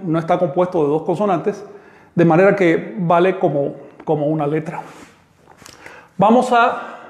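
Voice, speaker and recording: A man teaching an online language class, explaining slowly and repeating each sound and word as he spells it out. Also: high voice, a little mellow, roomy sound, muffled recording.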